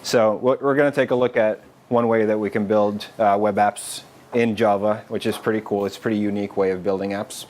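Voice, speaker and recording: A man's voice: fairly low pitch, steady tone, fairly quick, a little mellow. A man from Finland giving a casual developer presentation at a meetup, informal and loose, with frequent fillers and restarts. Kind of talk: conference tech presentation. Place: meetup room with a live audience.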